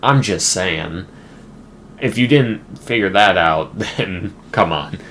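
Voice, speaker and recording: A man's voice: sits low, expressive, slow, a bit bright. A man giving a casual, emphatic movie review with conversational side remarks. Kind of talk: casual video essay. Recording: faint background noise.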